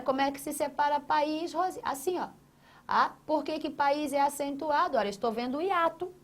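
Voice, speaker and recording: A woman teaching an exam-prep grammar lesson. She asks questions and answers them herself, and stretches out syllables as she writes. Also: high voice. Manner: drawn-out syllables while writing on a board.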